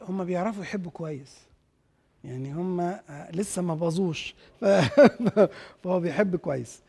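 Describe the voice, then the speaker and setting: A man's voice: high voice, moderate pace, darkish tone, breathy edge. A man with an Egyptian Arabic accent explaining parenting ideas to a class, checking in with his listeners as he goes. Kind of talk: conversational teaching talk.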